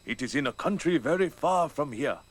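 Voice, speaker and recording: A man playing a calm, helpful sushi chef who guides travelers. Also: on the high side, a little fast. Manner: calm, instructive.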